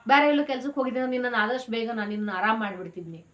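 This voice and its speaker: A woman's voice: a little high, rapid-fire, a bit bright, dull audio, natural voice. A woman voicing a devoted, determined young fisherman son who speaks earnestly.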